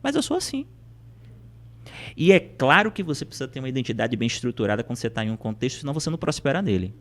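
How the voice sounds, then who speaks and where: A Brazilian man appears as a podcast guest, talking rapid-fire in a sing-song, mid-range voice. He explains things conversationally and motivationally, using rhetorical questions and emphatic repetition.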